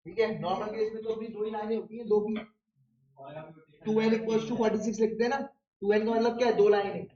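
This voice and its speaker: A man's voice: sits high, level tone, fairly quick, mellow. A man teaching a biology lecture who keeps asking the class questions and answering them himself, using everyday examples. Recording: roomy, distant and dull-toned.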